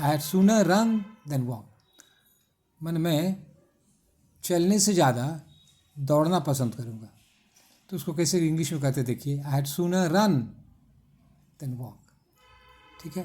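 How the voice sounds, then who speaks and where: A man teaching grammar in a classroom lesson, explaining in Hindi and reading example sentences aloud slowly, with heavy stress. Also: on the high side, warm tone. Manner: slow, reads English examples aloud in drawn-out, stressed words.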